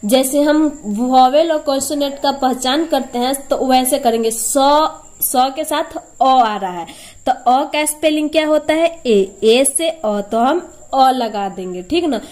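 A woman with a high voice gives a patient, step-by-step spelling lesson. She speaks slowly, repeating each sound and answering her own questions as she goes. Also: darkish tone. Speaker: teacher.

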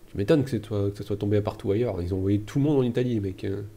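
Gravelly man muttering through gameplay. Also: fairly low pitch, fast talker, a little hiss or hum. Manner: thinking aloud, trailing mutters and soft asides. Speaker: let's play host. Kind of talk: gameplay commentary.

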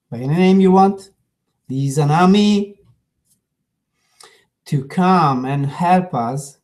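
A man gives a spiritual talk in an unhurried, gentle way, pausing often as he tells a parable. His voice is mellow and soft-edged. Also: on the high side. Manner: unhurried storytelling with gentle pauses. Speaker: spiritual teacher.

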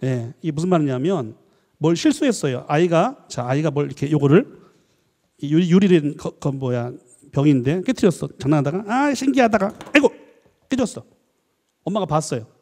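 A lecturing man with a high, hugely lively voice, joking and throwing questions at his audience. His tone is mellow and a little husky. The long reverb of a church hall rings behind every phrase. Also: fairly quick. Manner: animated, jokey, asks the audience questions. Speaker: professor giving a lecture.

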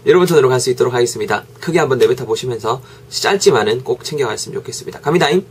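A man's voice: mid-range voice, very fast, slightly rough. A man teaching a casual lecture with a Gyeongsang accent. He talks in a jokey, chatty way and drills pronunciation by repeating words. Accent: Gyeongsang Korean. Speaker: English teacher. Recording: podcast lecture audio.

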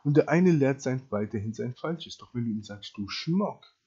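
A man preaching emphatically to Christians, often asking "ja?" and repeating phrases, his loudness swinging widely. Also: medium pitch, expressive, moderate pace, slightly rough. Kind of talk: impassioned preaching to camera. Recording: dull lo-fi recording.

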